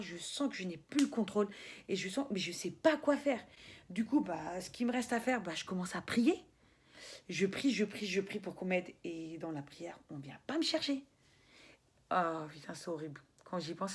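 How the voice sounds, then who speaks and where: A young woman telling a personal story in a casual, animated way, full of slang. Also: mid-range voice, slightly rough. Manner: animated, slangy, laughs often, acts out voices. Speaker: spiritual vlogger.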